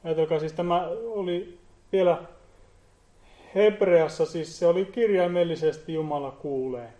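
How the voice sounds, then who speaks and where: A man's voice: a little high, dark tone. Earnest man teaching scripture in echoey room. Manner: earnest, with frequent repeated words and pauses. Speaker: preacher. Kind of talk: bible teaching.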